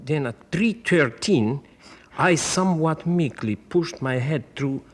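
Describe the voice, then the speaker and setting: An older man, an opera singer, telling a story about a rehearsal with lively acted-out quotes, on an old radio broadcast. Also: a little high, slow. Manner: animated storyteller acting out quotes. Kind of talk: storytelling reminiscence. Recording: 1960s radio broadcast transfer.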